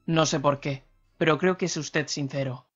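A man's voice: on the high side, fairly even intonation, moderate pace, breathy edge. Anxious but firm older man, read by a male narrator; urgent delivery over faint music. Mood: incredulous. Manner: urgent, insistent. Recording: slightly dull radio recording, faint music.

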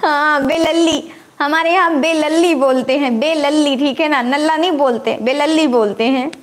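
A woman's voice: high-pitched, moderate pace. A middle-aged housewife hosting a casual live stream, chatting and teasing back as she reads viewer comments.

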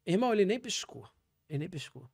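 A man with a Brazilian Portuguese accent playing a shameless self-styled apostle in a deadpan comic podcast monologue, rambling with preachy asides. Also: high voice, quick pace, vocal fry, husky, dry recording, studio quality, full character voice. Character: brash, shameless male pastor calling himself apostle.

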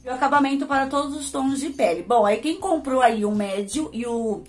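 A woman's voice: high voice, expressive, fairly quick, darkish tone. A Brazilian woman with a Brazilian Portuguese accent, chatting casually to her viewers as she tries out and reviews a face powder. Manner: chatty, addresses viewers as gente. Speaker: beauty vlogger.

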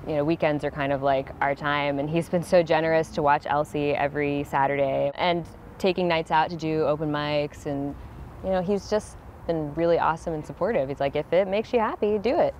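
A woman in her thirties talks casually and a bit nervously, poking fun at herself. Her voice sits fairly low. She is recorded outdoors on a clip-on mic, with faint background noise. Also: fairly quick, a little mellow. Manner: chatty, nervous, self-deprecating. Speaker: comedy student, interviewee. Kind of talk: casual interview chat. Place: outdoors on a bench beside a sidewalk.

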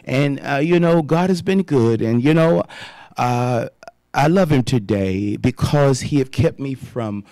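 A man's voice: medium pitch, unhurried, a little mellow, dry recording. A man in his fifties preaching live on radio from a studio, fervently calling out praise and amen between his thoughts. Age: 50s. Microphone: studio mic on boom arm, wearing headphones.

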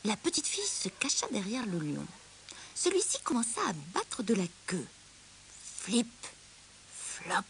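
A woman storyteller reading a children's story aloud in an expressive way, dropping to a hush at tense moments. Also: on the high side, normal speed. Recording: hissy old storybook recording.

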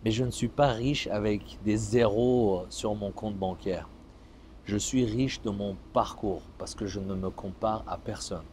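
Man, 40s, from Iran, fitness coach, mellow low voice, faint background noise. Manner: calm, measured, motivational. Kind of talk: vlog monologue answering viewer questions. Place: seated on an outdoor terrace, then driving a car.

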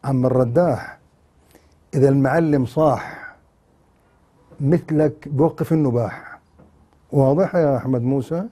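An older man giving satirical political commentary on television, mocking and animated. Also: mid-range voice, normal speed, long pauses. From Jordan. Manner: mocking, animated, mimics others in sing-song asides. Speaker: TV commentator, former university lecturer.

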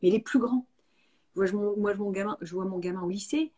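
A woman's voice: medium pitch, fairly quick. A woman in her forties, a fitness coach, chatting frankly and with energy on a video call. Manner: lively, frank, slangy. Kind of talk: casual webinar chat.

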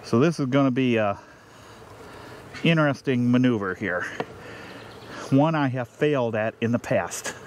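A man with a mid-pitched, everyday voice, talking a viewer through his beekeeping work as he goes. He speaks plainly and thinks aloud between tasks. Faint outdoor hum and buzzing bees sit under his voice. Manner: plain, unhurried, thinking aloud while working. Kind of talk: casual how-to narration. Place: outdoors beside a beehive.

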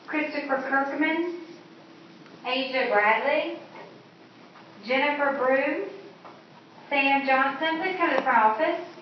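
A woman making a soft, measured announcement over a school loudspeaker, reading out names. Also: high-pitched, slight background noise. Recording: far-off, very echoey, muffled loudspeaker.

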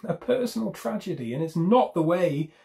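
A man's voice: sits high, lively intonation, normal speed, gravelly, mellow. A man preaching a sermon in an emphatic, conversational way, repeating key phrases and adding light self-deprecating humour.

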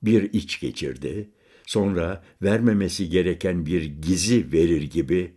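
Husky-voiced man narrating a literary audiobook. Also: low-pitched, unhurried, warm tone.

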